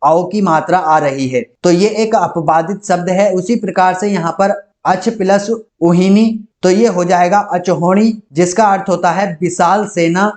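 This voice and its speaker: Guy with a high voice explaining grammar rules one by one, slow and methodical, close mic. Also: darkish tone. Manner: methodical, repeats each rule step by step. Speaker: grammar teacher. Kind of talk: online grammar lesson.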